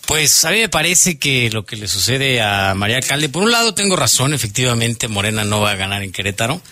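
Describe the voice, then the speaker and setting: A Mexican man on a radio panel arguing his point quickly and with assurance. His voice is bright and the sound is close and dry. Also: mid-range voice, sing-song, dry recording. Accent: Mexican Spanish. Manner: quick, assertive argument. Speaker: political panelist. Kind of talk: radio political commentary.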